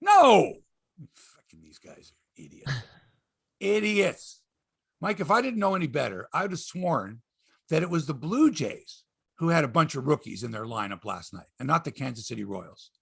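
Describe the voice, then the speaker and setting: High-pitched, animated male sports talk host. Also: brisk, gravelly, breathy edge. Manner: emphatic, exasperated, repeats phrases, rhetorical questions; salty, profane. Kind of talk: opinionated sports talk rant.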